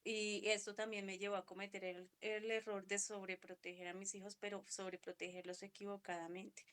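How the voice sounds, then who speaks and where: A middle-aged woman sharing a personal reflection in a women's Bible study, talking in an emotional, halting way with frequent restarts. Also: medium pitch, flat delivery, fairly bright tone, clear, resonant tone. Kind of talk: personal reflection in a group discussion.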